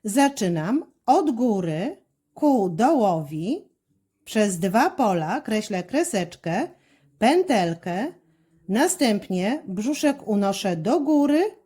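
Woman teacher, slightly high, lively voice with a mellow tone, slow and careful step-by-step handwriting instruction. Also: husky.

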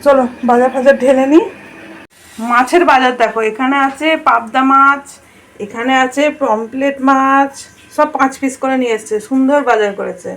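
A woman's voice: sits high, fairly even intonation, normal speed, fairly bright tone, poor audio. A woman vlogging casually at home, chatting to her viewers as friends. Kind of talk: casual home vlog chat.

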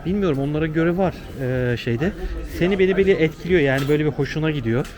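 Talking fast in a fairly high voice, this man works as a travel vlogger, casually explaining things to a companion as they walk outdoors through the city. A crowd can be heard behind him, and traffic and street noise fill the recording.

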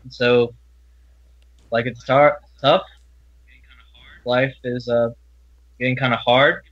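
A young man speaking earnestly as an interview guest, halting and often restarting his sentences. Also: medium pitch, flat delivery. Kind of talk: personal interview talk. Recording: dull, lo-fi audio.

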